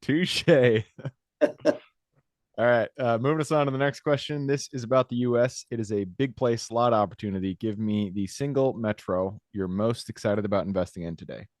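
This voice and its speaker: A man hosting a podcast interview over a video call, upbeat and agreeable, with quick interjections. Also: on the low side, darkish tone, dry recording, clean studio sound. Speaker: podcast host. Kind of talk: casual interview.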